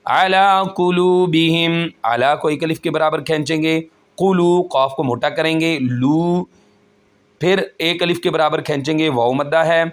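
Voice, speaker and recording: A man teaching Quran recitation rules, explaining each point slowly and patiently and chanting the verses in a melodic voice. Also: a little high. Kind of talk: tajweed lesson with chanted recitation.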